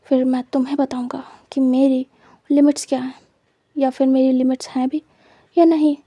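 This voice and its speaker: A woman voicing a low, taunting possessive young man. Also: flat delivery, moderate pace, dry recording. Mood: menacing. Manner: low, quiet, taunting, whispered threats.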